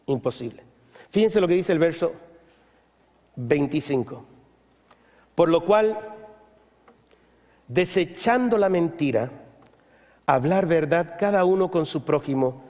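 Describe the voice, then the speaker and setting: A male pastor preaching a sermon at a church service, emphatic, repeating his key phrases and swinging between loud and hushed. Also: fairly high pitch, big-room sound.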